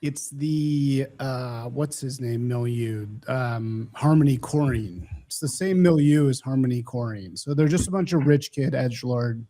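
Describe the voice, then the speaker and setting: A man's voice: medium pitch, unhurried, few pauses, mellow. A man in a casual podcast chat, rambling and hesitating as he talks.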